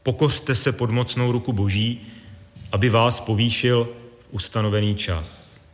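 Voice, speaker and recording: A man's voice: medium pitch, fairly even intonation. Man preaching in a reverberant church. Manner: measured, deliberate delivery with pauses. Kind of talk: sermon.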